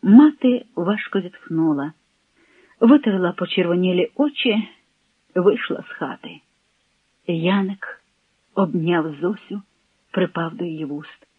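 Male narrator, high voice, husky, phone-thin radio sound, expressive reading. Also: measured pace, long pauses, dry recording. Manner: expressive, voices each character. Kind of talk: dramatic reading of a novel. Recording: tinny lo-fi radio broadcast.

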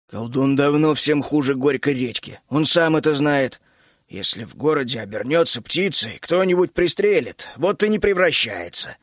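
A gruff, grumpy middle-aged dragon keeper, put on by a male audiobook narrator, grumbling and scolding with sudden hot outbursts. The voice sits lower than his narration and is recorded close and dry. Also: lively intonation, normal speed, dry recording, close to an everyday voice. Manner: grumbling, scolding, bursts out hotly. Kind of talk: audiobook character voice.

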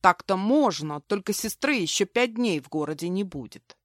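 A woman's voice: mid-range voice, lively intonation, normal speed, no echo, studio quality, natural voice. A woman voicing a guarded, hesitant older man on the phone. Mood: wary. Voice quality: guarded, unsure.

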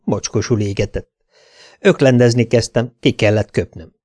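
A man's voice: fairly low pitch, darkish tone, dry recording. A man narrating a first-person audiobook in a laconic, wry way.

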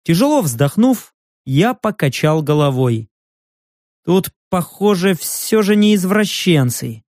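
A man narrating a first-person audiobook in a measured, expressive reading. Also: high-pitched, dry recording, clean studio sound.

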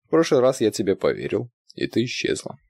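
A smug, ironic man teasing calmly in a very low voice, as a male narrator plays him. The pitch still moves about freely, and the sound is dry and close. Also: brisk, slightly rough, no room sound, heavily acted.

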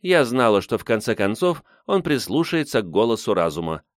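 A man's voice: medium pitch, very animated, fairly quick, no echo, studio quality, natural voice. Man doing a fussy, alarmed mother. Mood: approving. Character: fussy middle-aged mother, easily alarmed.

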